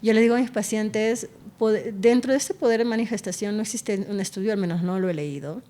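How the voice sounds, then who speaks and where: A neurologist being interviewed speaks in a medium-pitched, dark, fairly quick voice. She explains concepts and tells expressive stories about her patients in a conversational exchange.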